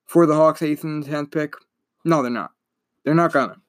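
A young man talks through his solo sports podcast in a loose, rambling way, stopping to correct himself as he goes. His voice sits a little high for a man. The recording is dry and close, with no room sound. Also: moderate pace, no room sound. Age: young adult. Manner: rambling, self-correcting, chatty. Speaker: podcast host.

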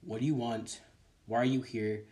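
A man's voice: mid-range voice, little pitch movement, moderate pace, warm tone, close to an everyday voice. A man voicing an imposing male gnome commander who interrogates strangers in a commanding manner.

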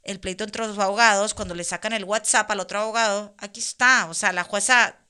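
A woman in casual conversation, telling a long personal story in an animated way, laughing now and then. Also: mid-range voice, fairly quick, clear, resonant tone. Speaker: guest.

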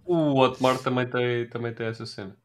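Flat-toned man. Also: mid-range voice, normal speed. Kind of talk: casual chat.

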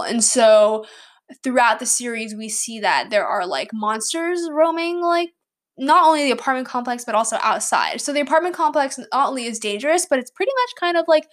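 Rambling through a casual solo episode of her own podcast, this young adult student, a native English speaker, fills her chat with "like" and "um." Her voice is on the high side, with a fairly bright tone.

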